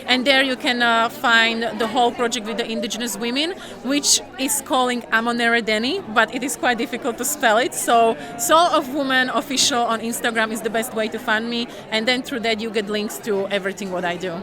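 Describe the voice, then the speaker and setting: A woman's voice: a little high, fairly even intonation, fairly quick, few pauses, over music. A woman from Slovakia with a Slovak accent, talking casually as an interview guest. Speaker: podcaster being interviewed as guest. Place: busy wellbeing festival venue. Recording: loud festival crowd hubbub. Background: crowd chatter.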